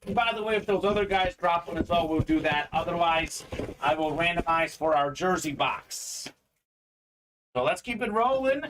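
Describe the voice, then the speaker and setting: A man hosting a live sports memorabilia break, talking in a bright, fairly high register. He keeps up a quick, chatty patter and reads viewer comments aloud. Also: animated, noisy background. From Bulgaria. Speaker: sports card break host. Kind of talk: live-stream sales patter.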